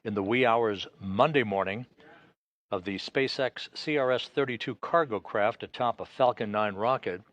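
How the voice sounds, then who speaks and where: A man giving live broadcast commentary as a mission control announcer, in a measured, official manner with hesitant pauses. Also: mid-range voice, fairly bright tone. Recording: dull, band-limited broadcast audio.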